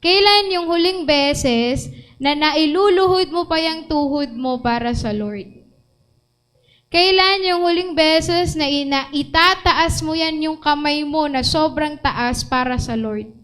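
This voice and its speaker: A woman preacher with a Filipino accent delivering an animated sermon, mixing Tagalog and English and asking the congregation questions. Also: high voice, slow pace, rough recording.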